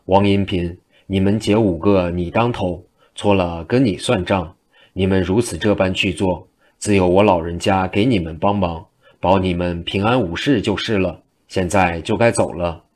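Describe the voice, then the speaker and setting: A man's voice: sits low, steady tone, normal speed, darkish tone. A male storyteller voicing a playful old wandering monk who talks in an offhand, joking way. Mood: commanding. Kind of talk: traditional storytelling.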